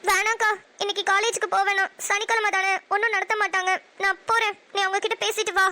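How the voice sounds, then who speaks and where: A woman's voice: very high-pitched, flat delivery, fast, sharp tone. A woman with a Namakkal Tamil accent narrating a cartoon story in the first person, chatty and blunt. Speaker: narrator and voice actor.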